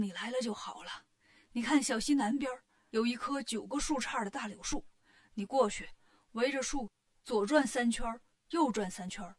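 A woman's voice: dry recording, clean studio sound, lightly acted. A woman putting on a meek old earth god. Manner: soft, low and deferential.

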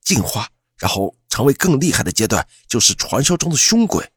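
A man's voice: mid-range voice, big pitch swings, fairly quick, slightly rough, no room sound, clean studio sound, pitched above the performer's own voice. A man voicing a young male college roommate who earnestly warns about ghosts in a grave, knowing way. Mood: ominous.

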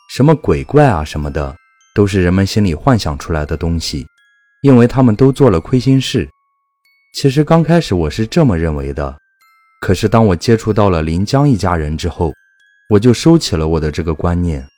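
A man with a low, mellow voice narrates a first-person horror tale. His delivery is calm and measured, but his pitch rises and falls expressively. The recording is dry and close, with faint music underneath. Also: no room sound. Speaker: storyteller.

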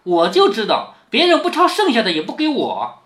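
A man voicing a touchy, sharp-tongued young noblewoman, pointed and cool in a storybook reading. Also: very high-pitched, wildly swooping pitch, a little fast, pitched above the performer's own voice, exaggerated voice. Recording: roomy echo.

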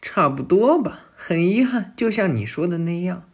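A man's voice: high-pitched, sing-song, normal speed, breathy edge, full character voice. A man voicing a cocky, menacing male villain from an anime in a sneering, taunting tone.

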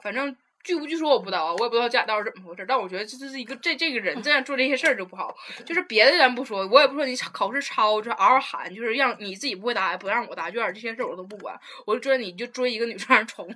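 Fast-talking young woman. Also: on the high side. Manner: animated storyteller, laughs often. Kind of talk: casual chat, gossiping.

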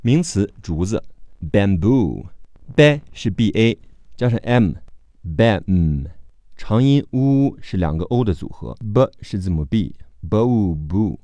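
A man gives a methodical vocabulary lesson and spells each word out letter by letter. His voice is low and mellow, and he keeps an unhurried pace. The recording is a dry, close voice-over. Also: very animated, dry recording. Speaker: English teacher.

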